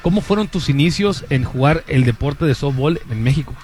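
A man's voice: on the high side, animated, normal speed, a little mellow, soft background music. A man hosting a sports radio show, interviewing a guest in a friendly, bantering way. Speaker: radio host.

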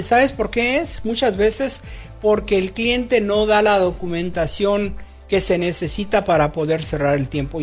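A man's voice: sits high, husky. A Mexican man, a real estate agent on a radio talk show, explaining the process in a conversational way.

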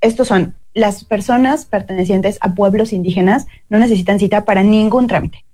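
A woman's voice: medium pitch, normal speed, warm tone. A Mexican woman with a Mexican Spanish accent, a consul explaining services as an interview guest.

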